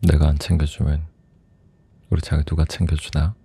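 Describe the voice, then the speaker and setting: A young man in a soft, intimate ASMR role-play as a teasing, doting boyfriend, close to the microphone. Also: rumbling low, little pitch movement, moderate pace, gravelly, breathy edge. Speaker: ASMR performer playing a boyfriend.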